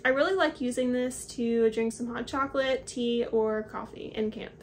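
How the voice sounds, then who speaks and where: Speaking at a moderate pace in a slightly high voice, a woman in her twenties casually runs through her hiking gear for the camera in a small home office. The hiking vlogger chats about each item as she holds it up, with slight background noise.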